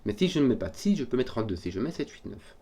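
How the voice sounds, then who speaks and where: Mellow-voiced man puzzling aloud. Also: mid-range voice, big pitch swings, creaky, slightly rough. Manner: hesitant, self-correcting, halting. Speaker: puzzle solver. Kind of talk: thinking aloud while solving a puzzle.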